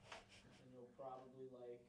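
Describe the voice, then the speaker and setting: A man's voice: medium pitch, completely flat delivery, measured pace, distant mic. A young man co-hosting a student radio show, chatting casually and cracking jokes in rambling asides. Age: young adult. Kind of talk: casual chat. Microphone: studio mic. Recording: roomy room, away from mic, crowd noise.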